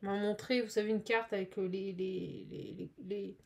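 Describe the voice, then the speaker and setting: A woman giving a casual, chatty tarot card reading, animated and full of fillers. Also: medium pitch, normal speed, gravelly.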